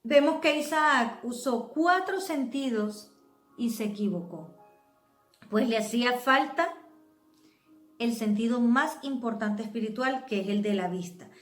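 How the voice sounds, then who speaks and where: A woman's voice: a little high, expressive, a little slow, reverberant, soft background music. A woman with a Venezuelan accent preaching a sermon, explaining the scripture and checking in with her listeners. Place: church.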